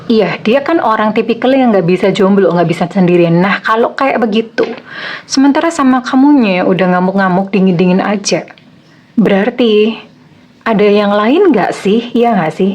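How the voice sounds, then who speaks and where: A woman's voice: medium pitch, lo-fi sound. Chatty woman doing a tarot reading. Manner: chatty, repetitive fillers, acts out quoted lines. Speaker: tarot reader. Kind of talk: casual tarot reading to viewers.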